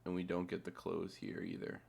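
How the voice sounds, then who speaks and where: A man's voice: sits low, monotone, moderate pace, vocal fry, a little mellow, breathy edge. A man giving casual screen-share commentary as a trader, thinking aloud in an offhand, muttering way with casual swearing. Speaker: trader narrating a chart replay.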